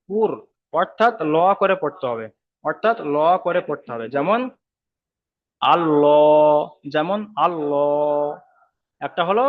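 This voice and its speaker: Man teaching Quran reading, slow and repetitive. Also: a little high, highs cut off. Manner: repetitive, slow step-by-step explaining, drawn-out recited examples. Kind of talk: online Quran lesson.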